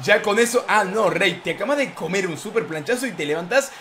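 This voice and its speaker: Excitable high-voiced gamer. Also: male voice, fairly quick, slight background noise. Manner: excitable, shouts play-by-play calls. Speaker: gaming YouTuber. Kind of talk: let's-play commentary.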